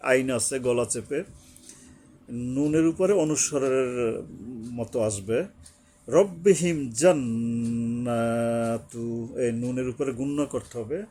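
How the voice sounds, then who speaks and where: A man gives a recitation lesson. He is patient and methodical, and his voice sits at an ordinary middle pitch. He repeats single syllables and draws out recited words slowly so they can be copied. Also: mellow. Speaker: Quran recitation teacher.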